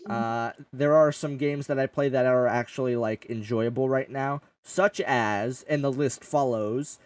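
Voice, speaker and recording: Casual podcast host, male, mid-pitched, rambling and profane, a bit off-mic, dry sound. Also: fairly even intonation, a little slow, clear, resonant tone, dry recording, far from the mic. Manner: rambling, swears often, jokey. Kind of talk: casual gaming chat.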